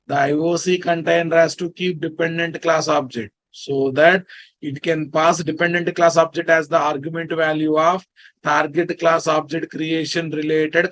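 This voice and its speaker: A man with a Telugu Indian English accent teaching a programming class, repeating himself and often checking that listeners follow. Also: on the high side. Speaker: programming instructor. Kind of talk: classroom lecture.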